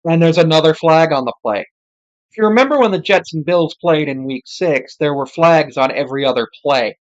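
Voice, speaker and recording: An amateur commentator calls a football match live in a casual way, muttering asides and correcting themselves, and the voice gives no clear sense of sex. Pitch is medium, pace is moderate, and the audio sounds dull.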